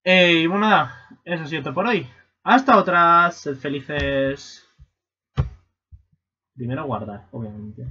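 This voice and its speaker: A young man commenting casually on a video game stream, swearing and breaking into excited shouts. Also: a little high, brisk, breathy edge. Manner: excitable, swearing, bursts into shouts and silly voices. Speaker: gaming streamer. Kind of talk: casual let's-play commentary. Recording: lo-fi stream mic audio.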